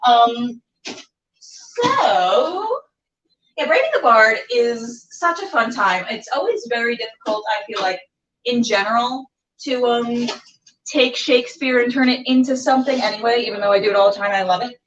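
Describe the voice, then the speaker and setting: While cooking indoors for a live stream, a cooking show host chats casually and playfully to the camera, drifting into rambles and remarks to herself. She speaks at normal speed with lively intonation, and her voice is somewhat high and a bit bright. Captured by a camera, the audio is dull, roomy and distant.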